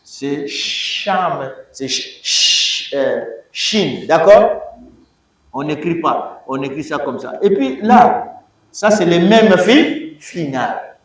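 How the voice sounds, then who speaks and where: Guy lecturing, really animated, slow and deliberate, echoey hall, mic far off. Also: fairly high pitch. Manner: animated teacher, repeats key words, quizzes the class, slips into Lingala. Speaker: Biblical Hebrew lecturer. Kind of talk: university lecture. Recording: roomy echoing hall, voice from far off.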